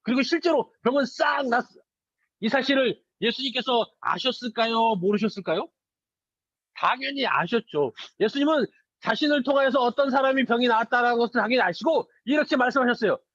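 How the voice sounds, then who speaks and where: A children's pastor, a man with a very high voice, retells a story and often stops to ask the children questions. The sound is dry and close, and a little dull and lo-fi. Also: a little fast, fairly bright tone, no room sound.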